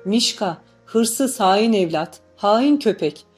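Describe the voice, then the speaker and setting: A woman's voice: medium pitch, animated, slow, breathy edge, soft background music, voice pushed up. A woman voicing an anguished old grandfather, bitter and fierce, in an audiobook reading. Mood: raging. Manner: shouting, bitter lament.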